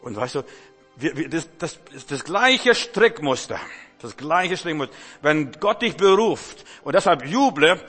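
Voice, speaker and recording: A man's voice: on the high side, big pitch swings, measured pace, a bit bright, breathy edge. A man preaching a sermon with emphasis, often repeating words and speaking straight to the listener. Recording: reverberant hall with faint music.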